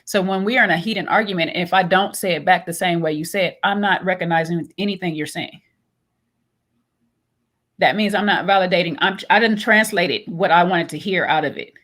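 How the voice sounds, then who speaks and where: Lively, laughing woman co-host. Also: lowish voice, brisk. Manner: animated, laughs often, acts out arguments. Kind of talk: casual chat.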